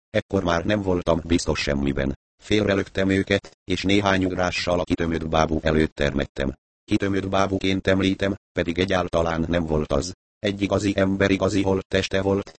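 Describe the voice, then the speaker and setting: Deep-voiced male audiobook narrator. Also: no room sound. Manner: measured, steady storytelling. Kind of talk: scripted narration.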